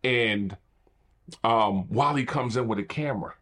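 A man hosting a podcast, telling a candid personal testimony with animated, preacher-like energy. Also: medium pitch, measured pace. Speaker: podcast host.

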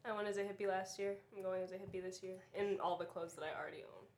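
A woman's voice: medium pitch, fairly even intonation, darkish tone. Teasing young woman, echoey room. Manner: teasing, quick with questions. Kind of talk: casual roundtable chat. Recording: roomy echo.

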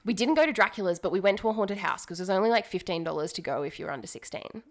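A young woman co-hosting a podcast, telling a long story in a rambling, animated way full of fillers. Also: mid-range voice, rapid-fire. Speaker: podcast co-host. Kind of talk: casual chat, storytelling. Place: home dining room.

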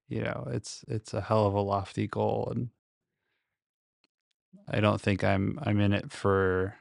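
Very close to the mic, a podcast host with a lowish, gravelly, darkish voice delivers a casual solo monologue. He sounds hesitant and introspective as he reflects. There's no room sound.

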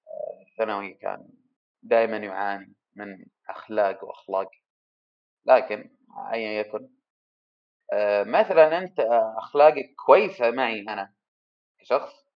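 A man with a fairly low voice rambles through a casual solo podcast, thinking aloud and poking fun at himself. The audio sounds dull.

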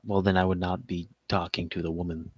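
A man's voice: sits low, flat delivery, brisk, dull audio, slight background noise. A young man co-hosting a casual podcast, joking and laughing as he rambles. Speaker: podcast co-host.

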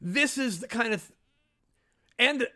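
Podcast co-host: man with a high, bright voice, giggly, teasing banter. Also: lively intonation, unhurried. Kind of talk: casual chat over a live watch-along.

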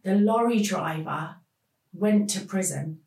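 A woman tells a painful personal story as a podcast guest, speaking haltingly with many pauses. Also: fairly low pitch, a little mellow, distant mic. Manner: slow, halting, emotional retelling with many pauses. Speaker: podcast guest telling her life story. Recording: roomy sound, voice off the mic.

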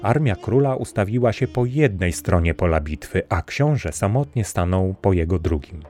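Deep-voiced male fairy-tale narrator. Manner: measured, steady reading. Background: faint music.

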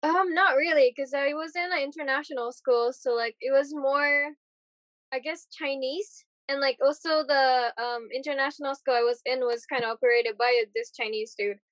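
A woman's voice: high voice, steady tone, moderate pace, fairly bright tone, no echo. A young woman from Japan chatting casually as a podcast guest, trailing off with fillers. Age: young adult. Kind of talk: casual conversation.

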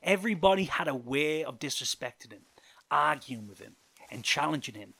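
A male storyteller reads a first-person tale with a bright, forceful tone and a lively, rising-and-falling pitch. The delivery is expressive and scripted, and the sound is dry and close to the mic. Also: normal speed, creaky, no echo.

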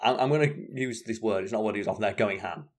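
Speaking at a racing clip in a lowish voice, an English man co-hosts a live stream from home, rambling casually and cursing without restraint.

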